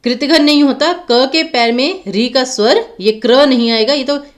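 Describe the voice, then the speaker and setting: A woman's voice: high-pitched, moderate pace. A woman teacher giving an online grammar lecture for exam preparation, patiently explaining and asking the students rhetorical questions.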